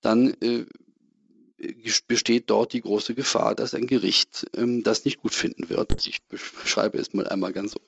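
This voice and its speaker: A male priest giving a thoughtful spoken commentary on scripture and answering questions, measured and hesitant with frequent pauses. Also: on the low side, creaky, dry recording. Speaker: priest, guest. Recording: dull lo-fi sound.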